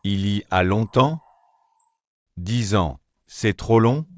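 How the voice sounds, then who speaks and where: A man dubbing a brooding, possessive tough schoolboy, talking low, slow and blunt. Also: animated, a little mellow, dry recording. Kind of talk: French dub of a series.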